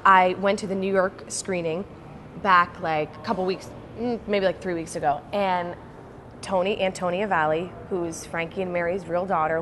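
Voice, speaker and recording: A woman's voice: lowish voice, a little hiss or hum. A woman actress as an interview guest, telling stories animatedly with lots of "like" and "you know". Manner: animated, acts out quoted voices, fillers like "like" and "you know". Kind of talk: casual interview storytelling.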